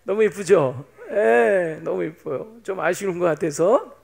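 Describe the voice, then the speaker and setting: Pastor in his fifties, man, high voice with gravel, playful and chatty sermon delivery. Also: unhurried, a little mellow. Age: 50s. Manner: chatty, playful, teasing the congregation.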